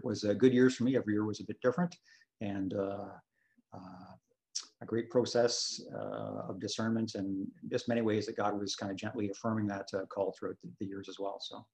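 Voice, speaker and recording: A middle-aged priest answers questions in a relaxed interview. His voice sits low with a gravelly, fried edge. He hesitates a lot, filling gaps with uh as he recalls things. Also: low-quality recording. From Scotland, raised in Canada. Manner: hesitant, many uh fillers. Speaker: parish priest guest. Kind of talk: casual interview.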